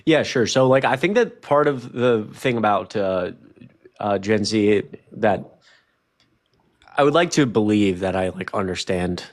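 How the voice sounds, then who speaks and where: A young man in his early twenties explaining his view in a discussion, measured and careful, leaning on fillers as he thinks. His voice sits somewhat low. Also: expressive. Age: 20s. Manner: measured, hedging, many fillers like "like" and "you know". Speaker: debate participant. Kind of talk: political discussion.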